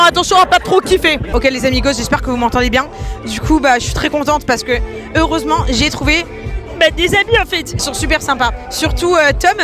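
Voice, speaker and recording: A tipsy woman in her twenties, vlogging casually to camera in a chatty, slangy, self-mocking way. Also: high-pitched. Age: 20s. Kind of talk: casual vlog chat to camera. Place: outdoor party boat. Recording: loud party music and crowd noise.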